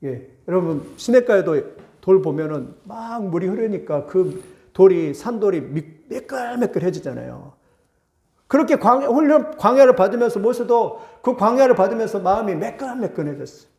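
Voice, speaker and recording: High-voiced male pastor preaching in an echoey hall. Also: very animated, a little mellow. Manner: preaches with rising bursts and slows down for scripture. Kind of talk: sermon.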